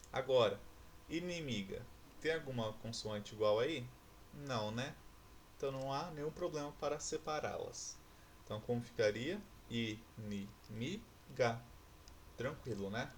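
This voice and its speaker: A man's voice: medium pitch, a little hiss or hum. A male teacher with a Brazilian Portuguese accent, giving a recorded lesson and patiently asking the class questions and then answering them himself.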